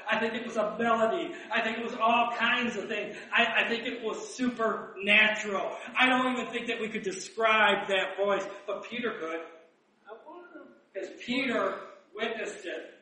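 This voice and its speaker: A man giving a chatty Bible teaching, asking rhetorical questions and reading verses slowly. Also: sits high, bright, forceful tone. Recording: roomy echo, distant mic.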